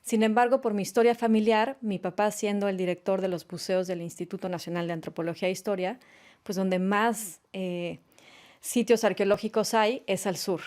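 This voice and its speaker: A woman in her late forties with a Mexican accent, a fashion designer, answers interview questions in a radio studio and tells stories conversationally. She speaks at normal speed in a mid-range voice with fairly even intonation, and her storytelling is warm, peppered with tag questions.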